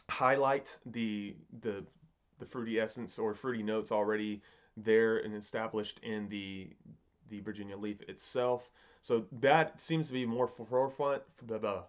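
Musing man, slightly dull recording. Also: lowish voice. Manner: halting and musing, repeats and rephrases himself. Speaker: pipe tobacco reviewer. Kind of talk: casual, unscripted product review. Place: home study, indoors.

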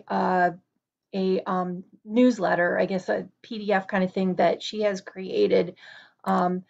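A woman making a measured recommendation on a video call, with frequent ums. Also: medium pitch, vocal fry. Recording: muffled video call audio.

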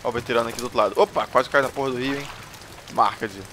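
Excitable man narrating gameplay over rain noise. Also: medium pitch, racing. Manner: excitable, swearing, shouting during fights. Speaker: gaming YouTuber. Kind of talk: let's play commentary.

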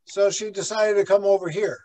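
A man's voice: high-pitched, fairly even intonation, brisk, a little mellow, poor audio. A man, a pastor, teaching a church class in a conversational, rambling way with many fillers and asides. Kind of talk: conversational Bible class lecture.

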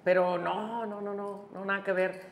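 Gravelly, bright-voiced man. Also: sits high, normal speed, roomy sound. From Monterrey, Mexico. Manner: animated anecdote-telling, acts out voices, swears often. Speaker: grupera singer guest. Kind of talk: casual storytelling interview.

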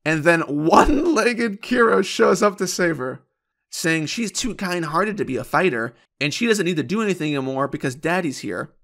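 Sarcastic male video essayist, fairly high voice, scripted commentary. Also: lively intonation, moderate pace, gravelly, a bit bright. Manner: sarcastic, dismissive.

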